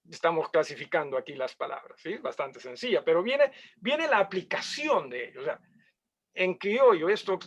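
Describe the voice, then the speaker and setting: A male pastor explains Greek grammar to his congregation in a high-pitched voice. He is patient and methodical, and he keeps pausing to ask his listeners whether they follow. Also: a bit bright. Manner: explanatory, checks listeners with frequent questions. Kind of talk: Bible teaching.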